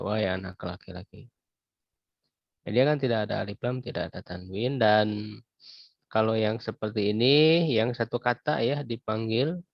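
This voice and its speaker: Low, gravelly man teaching a patient online grammar class; dull, dry call audio. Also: no room sound. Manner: patient, explanatory, clears throat often.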